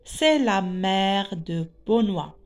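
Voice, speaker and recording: Slow, patient woman teacher. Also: mid-range voice, lively intonation. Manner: slow, syllable by syllable, repeating each word; adds Arabic translations. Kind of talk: reading lesson for young children.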